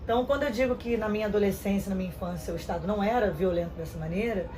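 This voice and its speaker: A woman, giving earnest, measured interview answers with some hesitant restarts. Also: mid-range voice, low-quality recording. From Rio de Janeiro, Brazil. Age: 30s. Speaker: interview guest.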